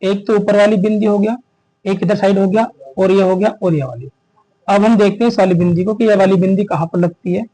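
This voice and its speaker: A male teacher giving an exam-prep grammar lesson, asking questions back to the students and slowing down to stress key terms. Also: high voice, steady tone, dark tone, low-quality recording.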